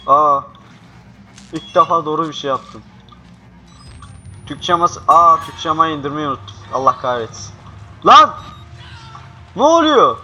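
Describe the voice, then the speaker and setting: A young man playing a horror game, swearing and jumpy, swinging from panicked yells to hushed mutters. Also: a little high, lo-fi sound. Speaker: gaming youtuber. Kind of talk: horror game let's play commentary.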